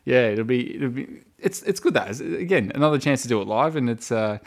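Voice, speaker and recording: A man's voice: medium pitch, expressive, brisk, gravelly. Hesitant Australian man podcasting from a shed. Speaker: sports podcast co-host. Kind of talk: casual football discussion. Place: in a wooden shed in the countryside, poorly soundproofed.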